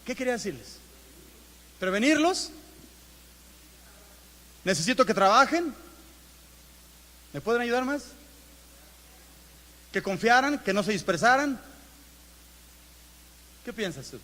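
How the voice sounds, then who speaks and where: A Mexican pastor delivers an interactive, conversational sermon in a church auditorium, asking his congregation questions and acting out everyday inner dialogue. His voice is extremely high with big pitch swings, slow and full of pauses, pushed and bright. The recording carries the long reverb of a church hall.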